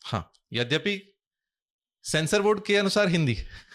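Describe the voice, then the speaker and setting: A man speaking as a guest in a podcast interview, measured and explanatory, using formal, Sanskrit-heavy Hindi. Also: sits high, lively intonation, a bit bright. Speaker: guest scholar.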